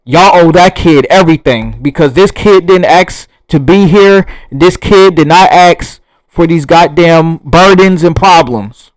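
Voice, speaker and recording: A young man with a Southern US drawl delivers a blunt, swear-laden monologue straight to camera. His voice sits a little higher than most men's. He rambles and restarts, and the sound is close and dry, with no room echo. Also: a little slow. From Southern United States. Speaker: vlogger.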